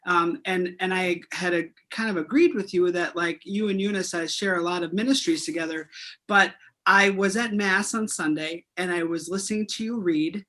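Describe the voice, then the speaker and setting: A man's voice: high voice, steady tone, moderate pace, bright, forceful tone. A man hosting an interview, chatty and friendly, often restarting his sentences. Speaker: interview host. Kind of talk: casual interview.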